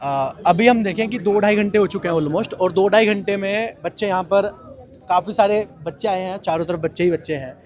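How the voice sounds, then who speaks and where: High-voiced indignant male street reporter. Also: normal speed. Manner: indignant, grows loud and impassioned. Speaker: reporter covering a protest. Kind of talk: on-the-spot reporting and street interviews. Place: outdoor street protest. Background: faint protest crowd.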